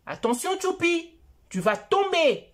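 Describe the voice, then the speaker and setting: Woman as a gentle storybook mother. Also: very high voice, very animated, voice pushed up, heavily acted. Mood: caring. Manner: soft, reassuring, slow.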